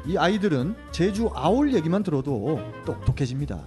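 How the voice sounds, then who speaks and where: A male comedy co-host with a high, lively voice who jokes in a mock-formal way. Music plays underneath the talk. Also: brisk. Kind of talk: comedic banter and skits.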